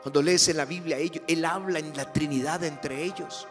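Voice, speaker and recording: A man's voice: fairly high pitch, steady tone, moderate pace. Impassioned male pastor in a reverberant hall. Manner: impassioned, rising to shouts. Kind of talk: sermon. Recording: long hall reverb with music behind. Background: soft music.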